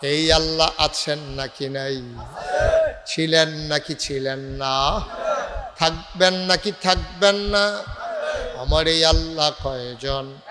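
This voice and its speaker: A man's voice: fairly high pitch, big-room sound, heavy background noise. A man from Bangladesh preaching a waz sermon. He banters with the crowd and moves into sung, chanted phrases that call for responses. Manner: breaks into sung, chanted delivery and rouses the crowd to call back; banters with the audience and gives directions to the crowd. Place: large night gathering.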